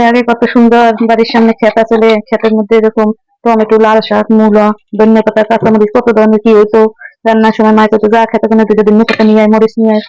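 A woman's voice: mid-range voice, dark tone, smooth, no echo, highs cut off. A woman from Barishal with a Barishal Bangla accent mixed with Dhaka speech, chatting casually as she cooks and reminisces. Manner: chatty, reminiscing while cooking. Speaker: home cooking vlogger. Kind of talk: casual cooking narration.

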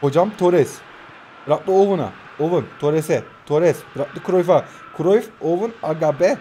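A man's voice: a little high, unhurried, a little hiss or hum. A man in his twenties commentating his own mobile football match, calling out player names and chatting to viewers, holding his voice down at night in his new home. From Turkey. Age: 20s. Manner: excitable, shouts player names, talks to viewers. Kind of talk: live gameplay commentary.

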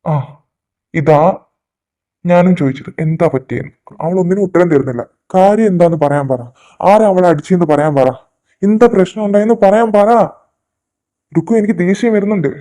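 A man's voice: high voice, moderate pace, long pauses, close to an everyday voice. A man voicing an angry protective father. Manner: shouting, demanding answers. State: recovering from recent surgery. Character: older father, fiercely protective and hot-tempered. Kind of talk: Malayalam fan audio drama.

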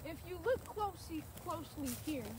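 A teenage girl with a Kentucky accent and a very high, expressive voice gives a casual tour of an open urban farm field at a moderate pace, chatty and full of ums as she walks and points. A person following a few feet behind films on a handheld camera that picks up outdoor field noise.

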